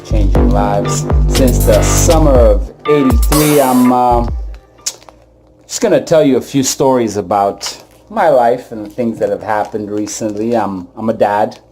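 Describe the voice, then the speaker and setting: A man's voice: medium pitch, a little slow, mellow, faint music behind. A man doing stand-up comedy, telling stories and talking straight to the audience with casual asides. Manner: conversational, addresses the audience directly with asides.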